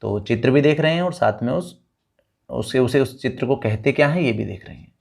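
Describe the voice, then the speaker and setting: A man's voice: mid-range voice, expressive, vocal fry, a little mellow. A man teaching a Sanskrit lesson, reading out words for students to repeat and explaining each one in Hindi and English. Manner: slow, drawn-out word-by-word pronunciation with call-and-repeat drills. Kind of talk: online language lesson.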